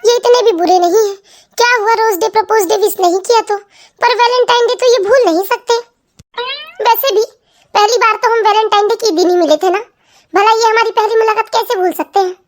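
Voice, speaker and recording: A woman's voice: extremely high pitch, fairly quick. A woman voicing a hopeful, sulky young wife in a comedy cartoon, chatty and talking to herself. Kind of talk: cartoon family comedy voice acting.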